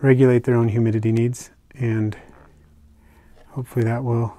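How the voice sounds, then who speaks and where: An older man casually narrating a hobby vlog as he unpacks and shows his isopod purchases, talking in a relaxed, chatty way with fillers and soft asides. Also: mid-range voice, normal speed. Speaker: isopod keeper unboxing purchases. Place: indoors at a table, hands on camera.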